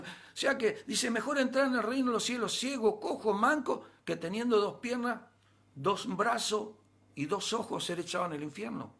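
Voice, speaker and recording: Man, pastor, Rioplatense Spanish accent, sermon, high voice, emphatic, rhetorical questions. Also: gravelly, a bit bright.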